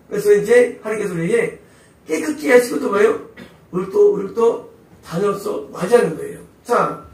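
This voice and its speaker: A man's voice: high voice, recorded from a distance. Emphatic male pastor preaching in an echoey hall. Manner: emphatic, rhetorical questions to the congregation. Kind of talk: sermon. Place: church sanctuary.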